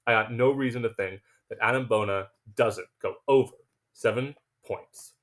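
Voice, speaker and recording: Speaking at a moderate pace in a mid-range voice, a man runs a sports betting picks video in a casual monologue. He comes across as confident and self-assured with plenty of emphasis, but stumbles and restarts when excited.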